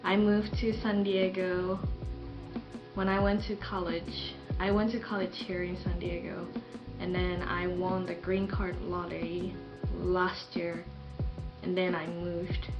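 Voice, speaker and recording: Slow-talking Japanese-accented woman. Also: fairly low pitch, little pitch movement, dull audio, music in the background. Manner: slow, careful, friendly, laughs often. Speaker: podcast co-host, visitor services coordinator. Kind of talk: casual chat.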